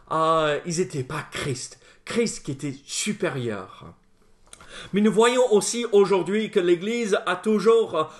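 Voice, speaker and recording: A pastor preaches to his congregation in a high voice. He pauses often on fillers and restarts his phrases as he works through his points. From not France. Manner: hesitant, many fillers and restarts. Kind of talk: sermon. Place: church.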